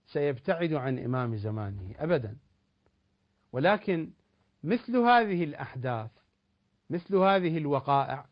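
A man giving a religious lecture in a measured, emphatic delivery with rising and falling stresses. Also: a little high, lo-fi sound.

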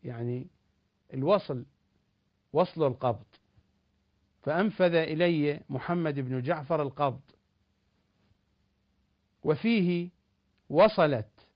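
A man giving a religious lecture in a measured, emphatic delivery with rising and falling stresses. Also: on the high side, lo-fi sound.

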